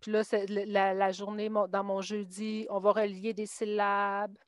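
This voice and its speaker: A woman's voice: medium pitch, level tone, unhurried, clear, resonant tone, dry recording. A woman teacher with a Québécois accent, explaining her reading lessons step by step and acting out what she tells her students. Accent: Québécois French. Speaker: literacy teacher for adult immigrants. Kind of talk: explaining her classroom method at a teachers' meeting.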